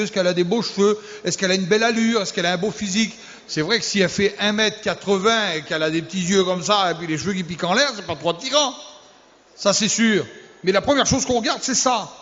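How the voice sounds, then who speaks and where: Preaching to a youth crowd in a church hall, this male pastor has a high-pitched, somewhat bright voice. His style is playful and humorous, full of rapid rhetorical questions and repeated key words. The audio has a hall echo and a muffled, lo-fi quality.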